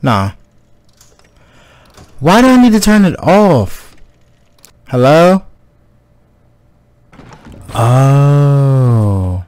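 A man playing a horror game and reacting out loud, jumpy and exclaiming as he talks to himself. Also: medium pitch, very animated, drawn-out words, pauses often, clear, resonant tone. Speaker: gaming video host. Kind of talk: let's play commentary on a horror game.

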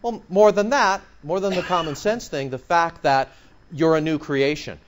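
A male pastor preaching a sermon in an animated way, throwing out sarcastic rhetorical questions. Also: on the high side, moderate pace.

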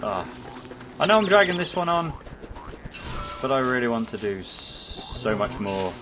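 A man giving jokey let's-play commentary, chatting to his in-game pet and swinging from bragging excitement to comic panic. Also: mid-range voice, measured pace, music in the background. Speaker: gaming YouTuber.

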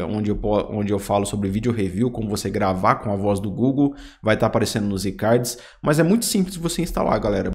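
A man with a Brazilian Portuguese accent hosting a software tutorial, chatting straight to the viewer and pointing out each step. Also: lowish voice. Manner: chatty, addresses viewer directly, pointing things out. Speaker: YouTube tutorial host. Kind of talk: screen-recorded software tutorial.

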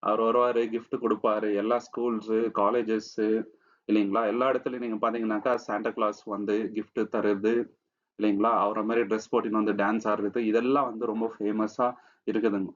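A man's voice: on the low side, little pitch movement, a little fast. Man preaching conversationally. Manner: conversational, addresses listeners with frequent tag questions. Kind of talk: sermon-style teaching video. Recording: slightly dull lo-fi recording.

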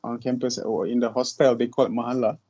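A man's voice: mid-range voice, little pitch movement, fast talker, warm tone, highs cut off, a little hiss or hum. A man leading online class introductions as course instructor, speaking hesitantly with many fillers and restarts over a video call.

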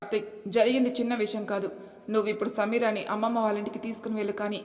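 A woman's voice: mid-range voice, level tone, racing, darkish tone, natural voice. A woman voicing a stern father announcing a decision, recorded with long hall reverb.

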